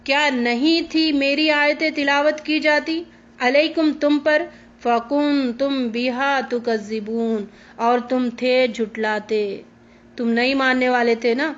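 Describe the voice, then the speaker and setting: A high-pitched woman gives a Quran lesson on a dull, lo-fi recording. She explains each verse line by line and acts out the pleas and replies she describes. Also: fairly even intonation. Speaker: Quran teacher.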